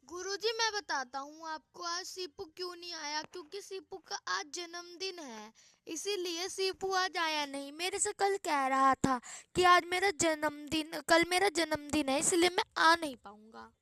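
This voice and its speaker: A woman's voice: extremely high pitch, measured pace, bright, forceful tone, no echo, exaggerated voice. A woman voicing an eager, polite boy pupil asking his teacher's permission in a comic school skit.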